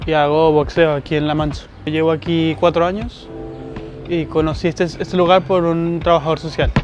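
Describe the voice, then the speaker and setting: Young man with a higher voice, relaxed. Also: normal speed, highs cut off, soft background music. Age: 20s. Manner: relaxed, conversational, casual asides. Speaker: young boxer. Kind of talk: documentary interview. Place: outdoors by a mural. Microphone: lapel mic.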